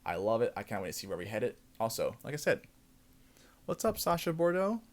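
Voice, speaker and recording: A man's voice: lowish voice, racing, darkish tone. A man hosting his own show, casually recapping a TV episode with loose, enthusiastic commentary and plenty of fillers. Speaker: show host.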